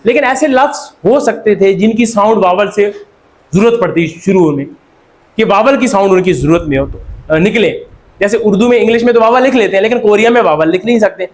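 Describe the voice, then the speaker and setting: A Pakistani man teaches Korean in a classroom lecture, his voice sitting high and his pace a little fast. He quizzes the students and repeats their answers back.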